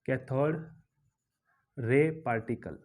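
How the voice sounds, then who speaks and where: Animated Indian male physics teacher. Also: medium pitch, extremely slow. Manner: repeats key terms as quiz questions to students; animated, acts out objects as characters. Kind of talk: classroom lecture with playful storytelling.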